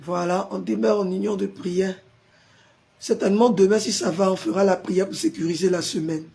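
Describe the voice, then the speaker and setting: A pastor hosting a live stream, hoarse from a sore throat and forcing his voice out as he chats with viewers and answers their comments. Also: high-pitched, steady tone, normal speed, warm tone. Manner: chatty, greets viewers by name and answers comments.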